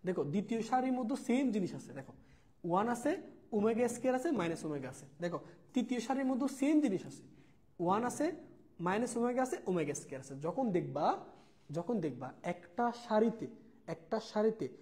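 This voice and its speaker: A man's voice: high voice, very animated, fast talker, a little mellow. A young man teaching a live online math class. He repeats key points, mixes in English words and calls his students brother. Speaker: math tutor.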